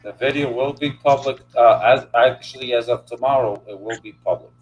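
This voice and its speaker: A man's voice: mid-range voice, steady tone, fairly quick, muffled recording. A man with a Cape Cod, Massachusetts accent chatting casually in a group, often repeating phrases for emphasis. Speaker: livestream panelist. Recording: clear background hum and noise.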